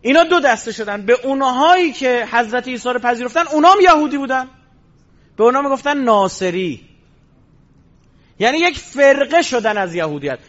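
Male preacher, high voice, storytelling sermon, rhetorical questions, muffled lo-fi audio. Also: fairly bright tone. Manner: asks rhetorical questions and answers them. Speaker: religious lecturer. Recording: dull lo-fi recording.

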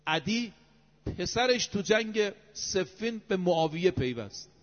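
A man delivers an expressive, emphatic sermon in a notably high voice, reciting scripture and numbering each point. A long hall reverb trails after his words, and the recording is dull and lo-fi.

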